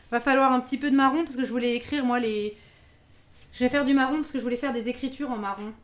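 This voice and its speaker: With a high voice, a steady tone and a fairly quick pace, a woman runs a live baking stream. She chats casually with viewers, laughs a lot, and exclaims over her work.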